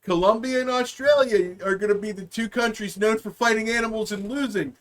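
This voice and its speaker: High-voiced American man, profane comic rambling. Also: a little fast, fairly bright tone. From Pittsburgh, USA. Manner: rambling, profane, laughing often. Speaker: podcast co-host. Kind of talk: crude comedy podcast banter.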